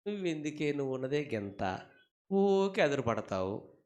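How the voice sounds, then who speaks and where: A man voicing a mouth's teeth as a younger sister who scolds the tongue, in a lowered, quieter voice. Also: very animated, moderate pace, lo-fi sound. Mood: scolding.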